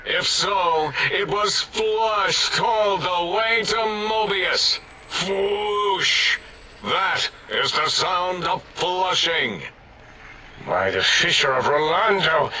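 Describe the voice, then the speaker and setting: A blustering, imperious scientist brain from a video game, giving orders in a piercingly bright voice that sits slightly high. He drawls his words out slowly, then snaps into sudden shouts. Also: animated, a little hiss or hum, heavily acted, rough recording. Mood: pompous. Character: pompous, bossy male scientist brain, quick to temper.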